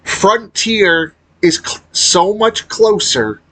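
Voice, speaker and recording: A video creator offers unscripted, casual commentary on a game in a rough, husky voice. His pitch swings up and down a lot while his pace stays slow, and he rambles and halts, reworking thoughts that trail off. His tone is animated, bright, and forceful, and the recording is rough.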